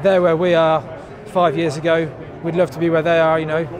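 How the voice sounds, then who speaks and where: A man in his thirties, a club captain, speaks in a slightly raised voice with plenty of ums as he reflects on a match. He is recorded outdoors in a stadium stand, and a crowd murmurs clearly behind him. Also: fairly high pitch, little pitch movement. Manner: measured, thoughtful, lots of fillers. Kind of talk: post-match interview.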